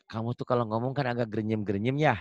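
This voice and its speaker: A man's voice: medium pitch, fairly even intonation, a little mellow, dry recording, muffled recording. Patient Sundanese man teaching Quran reading. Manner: patient, models syllables slowly for repetition, light teasing. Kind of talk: online one-on-one reading lesson. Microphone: video call.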